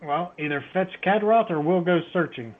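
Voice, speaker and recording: A man's voice: high-pitched, moderate pace. Man playing tabletop game, tinny line. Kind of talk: casual in-character game talk. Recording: tinny phone-like voice link.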